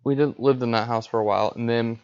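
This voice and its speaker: Gravelly man with deadpan sarcasm. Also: medium pitch, quick pace. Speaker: podcast co-host. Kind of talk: joking movie riff commentary. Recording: dull lo-fi sound.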